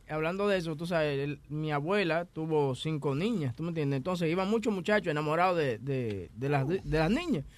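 A man's voice: a little high, brisk, hardly any pauses. A man telling funny stories in casual chat, laughing often. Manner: animated storyteller, laughs often.

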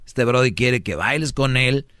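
A man with a Mexican accent hosts a radio show, preaching comic advice at his listeners. He fires off rhetorical questions in a joking, lecturing tone. His mid-pitched voice sounds dry and close, with no room echo. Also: normal speed, a bit bright, clear, resonant tone. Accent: Mexican Spanish.

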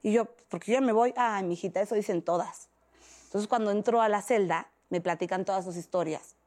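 A woman's voice: medium pitch, a little fast. A woman in her thirties with a Mexican accent, telling a personal story as an interview guest, acting out the voices of others. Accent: Mexican Spanish. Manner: animated, acts out quoted voices.

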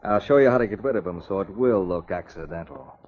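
An actor playing a cool, scheming outlaw with tough, slangy talk in an old-time radio drama. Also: male voice, low-pitched, expressive, a little fast. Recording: dull, hissy, clicking old radio recording.

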